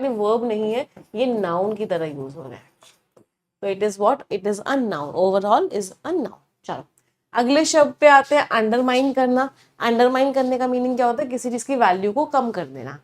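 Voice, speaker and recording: Lively woman teaching English vocabulary. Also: a little high. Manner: explains words in Hindi mixed with English, asks rhetorical questions. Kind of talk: online vocabulary lesson.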